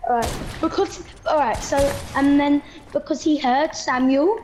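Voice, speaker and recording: A woman telling a story casually on a stream, halting and restarting with fillers. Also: sits high, background noise.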